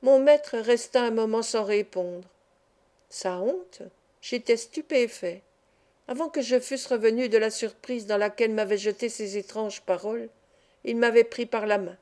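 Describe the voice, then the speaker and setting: A woman narrating a classic novel in the first person in a calm, measured way. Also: on the high side. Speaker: audiobook reader. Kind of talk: literary audiobook narration.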